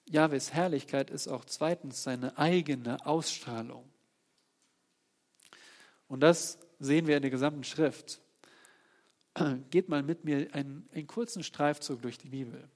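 Emphatic German-speaking man preaching. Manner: dynamic, swings between loud emphatic peaks and quiet low passages; asks rhetorical questions and answers them himself. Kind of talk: sermon on a psalm.

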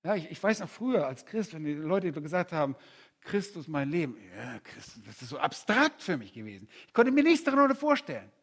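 A man preaching a conference sermon, animated and direct, firing rhetorical questions at the crowd and acting out quoted voices. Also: a little high, fairly quick, slightly rough.

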